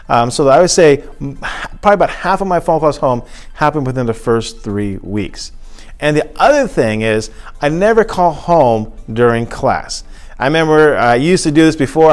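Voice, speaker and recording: A man with a smooth, medium-pitched voice gives an informal instructional talk as a teacher and presenter. He explains things conversationally and repeats phrases for emphasis.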